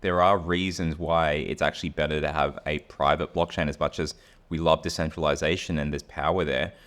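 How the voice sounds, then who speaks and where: Man, very low voice, podcast co-host, casual chat, explaining and thinking aloud. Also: steady tone, a little fast, a bit bright.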